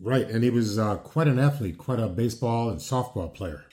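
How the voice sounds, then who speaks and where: A former wrestler in his sixties hosts a podcast, chatting casually in an interview and rambling with lots of fillers and restarts. His medium-pitched voice is mellow and expressive, at a normal speed.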